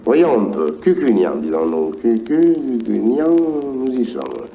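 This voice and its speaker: An actor with a Provençal accent playing a genial, obliging old male saint who keeps heaven's gate, in a high, lilting voice. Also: sing-song, unhurried, creaky, mellow, a little hiss or hum, heavily acted.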